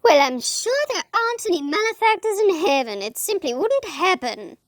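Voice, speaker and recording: In a comic puppet show, a woman voices a naive, low-ranking little angel who is prim and earnest but quickly flustered into indignation. The high voice jumps around animatedly at normal speed, recorded close and dry without echo.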